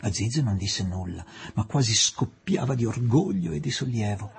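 A man's voice: mid-range voice, very animated, moderate pace, gravelly, soft background music. A man reading a novel aloud as an audiobook narrator, with a dramatic, varied delivery. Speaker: audiobook reader. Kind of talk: expressive literary narration.

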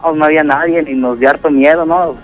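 Man, Mexican accent, young adult, radio caller, rambling and halting, fillers everywhere, ghost story telling, faint music behind. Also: on the high side, fairly even intonation, lo-fi sound. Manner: rambling, halting, full of "pues" and "¿no?".

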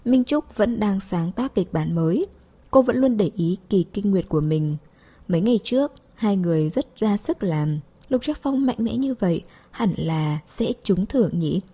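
A woman narrating a romance audiobook in a steady, even storytelling manner. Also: mid-range voice, normal speed, slightly rough.

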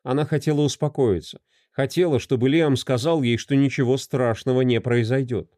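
A man narrating a crime novel as an audiobook, with expressive storytelling. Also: mid-range voice, normal speed, no room sound, clean studio sound.

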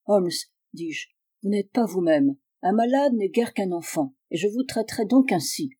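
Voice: mid-range voice, animated, moderate pace, warm tone, slightly rough. Un lecteur qui fait parler un médecin dévoué et inquiet, d'un ton sincère et insistant. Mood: earnest. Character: concerned loyal male doctor, earnest.

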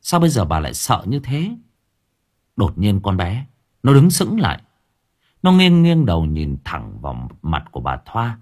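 Man, audiobook horror narration, lowish husky voice, very lively swooping delivery. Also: moderate pace. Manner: expressive storytelling reading. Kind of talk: dramatic horror story narration.

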